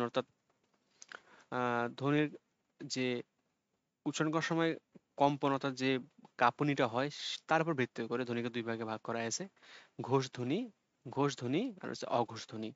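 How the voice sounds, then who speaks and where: A man teaching an online exam-prep lesson, explaining patiently and repeating sounds slowly for students to copy. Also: medium pitch, clean tone, no room sound, highs cut off.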